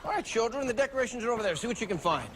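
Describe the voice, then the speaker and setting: A man's voice: very high-pitched, lively intonation, rapid-fire, noisy background. A man playing a stern, protective father and town mayor in a western drama, speaking in an emphatic, commanding way. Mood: businesslike. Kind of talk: period western film acting.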